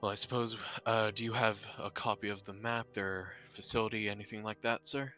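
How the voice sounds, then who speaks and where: A man playing a focused, respectful military squad leader in a tabletop game, speaking in a deliberate, halting way. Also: on the low side, fairly even intonation, bright, forceful tone, soft background music. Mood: respectful, thoughtful.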